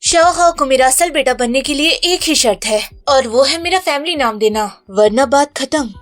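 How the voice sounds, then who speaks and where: A woman's voice: sits high, lively intonation, normal speed, soft background music. A woman dubbing a cold, scheming wife bent on revenge, with a Hindustani accent. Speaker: dub actor. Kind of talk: dubbed drama acting.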